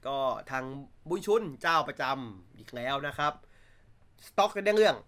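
A man's voice: a little high, very animated, moderate pace, fairly bright tone. A man chatting casually on a livestream, blunt and crude, joking, with many filler sounds. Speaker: streamer.

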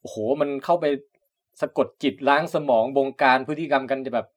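A man's voice: mid-range voice, steady tone, a little fast. A man hosting a casual science podcast, explaining at length and laughing often. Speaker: podcast host, biologist.

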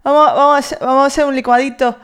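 Playful Spanish woman, slightly high voice. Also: level tone, racing. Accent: Spanish (Spain). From Spain. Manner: playful, teasing, laughs often. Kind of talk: casual chat. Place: home during lockdown.

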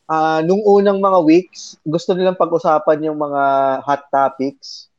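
A man's voice: fairly high pitch, fairly even intonation, a little slow, a little mellow, dry recording. A man hosting a casual podcast chat, teasing his guests in a playful way. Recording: dull lo-fi sound.

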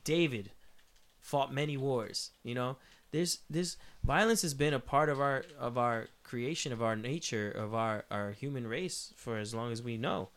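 A man from Puerto Rico who is a podcast guest, talking in a casual chat. His voice sits at an ordinary middle pitch. He speaks with blunt emphasis, swears freely and holds forth in long stretches. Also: a little slow, a bit bright.

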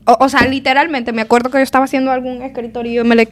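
Animated woman telling stories. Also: high-pitched, racing. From Central America. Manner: animated storyteller, quotes others in lively voices. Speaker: guest. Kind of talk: casual conversation.

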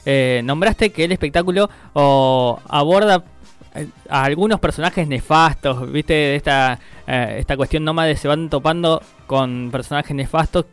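A man's voice: fairly high pitch, unhurried, smooth, soft background music. A man co-hosting a radio interview, asking thoughtful, hesitant questions. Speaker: radio co-host.

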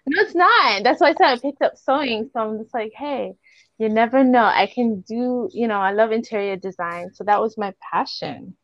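A woman's voice: on the high side, moderate pace, a bit bright. A woman hosting a podcast in casual chat, speaking informally with slang and swearing. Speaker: podcast host. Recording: slightly dull lo-fi audio.

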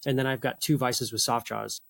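A man's voice: medium pitch, steady tone, fairly quick, creaky, a bit bright, dry recording. A man in casual shop talk, a machinist thinking aloud as he works through his plan. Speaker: machinist making folding knives.

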